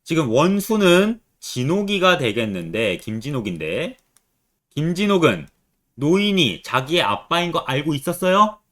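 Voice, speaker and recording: A man's voice: a little high, very animated, normal speed, a bit bright. A man teaching Korean literature in an exam-prep lecture, constantly quizzing his students with rhetorical questions.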